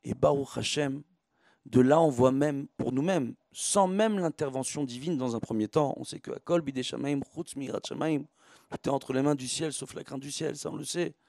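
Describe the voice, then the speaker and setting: A man's voice: mid-range voice, moderate pace, gravelly, a little mellow, dry recording, studio quality. A man giving a religious lecture as a rabbi, teaching emphatically with repetition and rhetorical questions. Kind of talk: religious sermon with everyday analogies.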